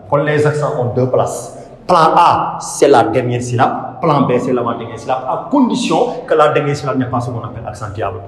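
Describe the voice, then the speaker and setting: A man teaches poetry in a lecture, a didactic voice that keeps asking a question and then answering it. He repeats key terms as he works through his points. His voice rings through a bare room with a long echo. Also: medium pitch. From Senegal. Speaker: literature teacher. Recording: echoey room with long reverb.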